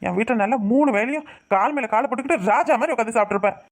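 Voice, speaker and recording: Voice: mid-range voice, rapid-fire, close to an everyday voice. A performer with a Tirunelveli Tamil accent voicing an irritable young husband who grumbles and scolds his wife in a cartoon. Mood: scolding. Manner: nagging, complaining rants. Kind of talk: cartoon voice acting.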